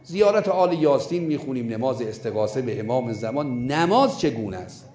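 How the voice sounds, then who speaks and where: A man preaching a sermon as a story, telling it in an emphatic way and slowing down on key points. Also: medium pitch, expressive, darkish tone, roomy sound.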